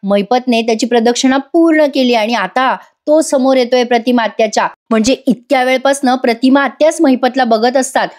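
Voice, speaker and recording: A woman giving a voice-over recap of a TV serial, telling it in a lively way and speaking straight to her viewers. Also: sits high, brisk, few pauses. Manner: lively storytelling, addresses viewers directly. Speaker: serial reviewer.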